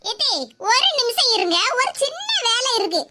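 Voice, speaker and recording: A voice actor playing a cunning young daughter-in-law in a cartoon, sly and teasing. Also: female voice, very high-pitched, very animated. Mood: fake-pained. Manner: sly and teasing, drawn-out mocking words. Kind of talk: cartoon voice acting. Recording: loud background hiss.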